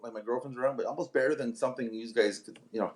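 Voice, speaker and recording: A man's voice: mid-range voice, fairly even intonation, racing, a little hiss or hum. A man from Canada hosting a casual podcast, rambling with many restarts. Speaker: podcast host and trapper. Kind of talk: casual chat.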